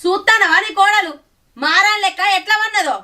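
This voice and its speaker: Middle-aged village mother-in-law, played by a woman: Telangana Telugu accent, very high voice, scolding and taunting. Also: fairly quick. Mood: complaining. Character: nagging, bitter village mother-in-law, quick to quarrel. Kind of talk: village short-film acting. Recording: background music under dialogue. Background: film music.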